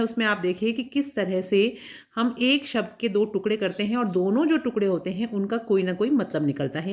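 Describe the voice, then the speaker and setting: A woman teacher taking schoolchildren through a workbook lesson, patiently spelling words out letter by letter and checking they follow along. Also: medium pitch. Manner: addresses children directly, checking understanding. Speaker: English teacher.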